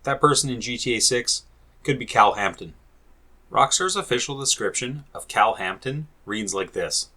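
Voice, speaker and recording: A man hosting a gaming channel, giving scripted video essay narration with a deliberate, emphatic delivery. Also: mid-range voice, lively intonation, sharp tone.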